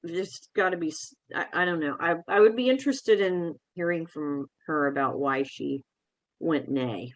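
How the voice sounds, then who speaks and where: A podcast co-host in casual discussion who speaks haltingly, restarting and repeating words. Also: medium pitch, no echo, low-quality recording.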